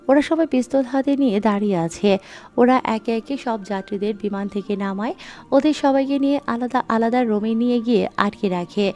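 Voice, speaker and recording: A woman narrating an audio drama in a steady storytelling manner. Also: a little high.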